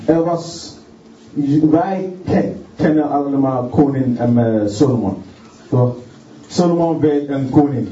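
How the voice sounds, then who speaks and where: A man's voice: mid-range voice, warm tone, slight background noise. A man preaching a sermon with fervor, often repeating words and stopping to say hallelujah. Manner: fervent, halting, punctuates with hallelujah, many repeated words. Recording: distant, roomy, dull sound.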